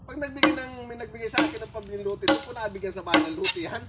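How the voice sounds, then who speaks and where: A man's voice: high-pitched, very fast. Chatty man vlogging outdoors. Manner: chatty, keeps asking "ha?" and "no?". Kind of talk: casual outdoor chat. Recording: noisy outdoor recording, birds and chopping.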